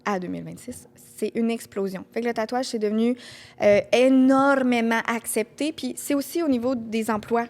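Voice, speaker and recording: A woman's voice: a little high, moderate pace. A young woman with a Québécois accent hosting a casual chat, sharing statistics with playful swearing. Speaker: podcast host.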